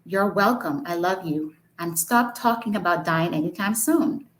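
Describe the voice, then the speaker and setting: A pastor's wife around forty speaks warmly to her husband, voiced by the author reading her own book. The pitch is low and the delivery stays plain. It is a storybook read-aloud. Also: moderate pace, reverberant, close to an everyday voice, low-quality recording. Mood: affectionate.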